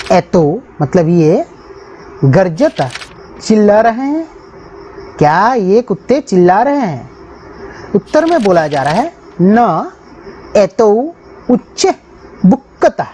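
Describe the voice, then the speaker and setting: A woman's voice: medium pitch, mellow, a little hiss or hum. A woman teacher explaining a textbook lesson, reading each phrase aloud and then translating it word by word.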